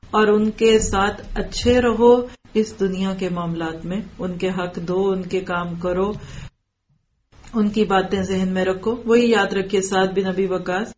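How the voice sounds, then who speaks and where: A woman teaches a Quran commentary lesson in a mid-range voice. She recites each verse slowly, then explains it plainly and turns to her listeners with direct questions. The recording is dull and lo-fi. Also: mid-range voice.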